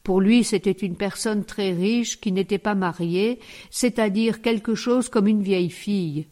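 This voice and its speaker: A woman narrating a novel as an audiobook, in a measured, steady reading voice. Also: medium pitch.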